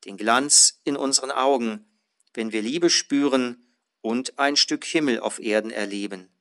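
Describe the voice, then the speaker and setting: Man, pastor, sermon, earnest, measured, mid pitch, emphatic phrasing. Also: a bit bright.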